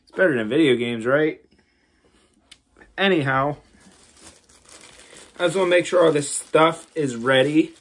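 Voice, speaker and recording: A man's voice: a little high, a little slow, long pauses. A man in his thirties chatting informally to his viewers in a casual homemade vlog. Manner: informal, swearing, addressing viewers as guys. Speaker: vlogger doing a food challenge. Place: small indoor room at home. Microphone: phone at about arm's length.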